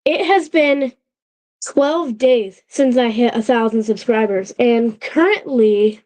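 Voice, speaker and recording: A woman hosts a casual livestream as the channel host, speaking haltingly with frequent restarts and check-ins with her chat. Her fairly high, slightly mellow voice sounds a little off from a sore throat that's still healing. The recording quality is low.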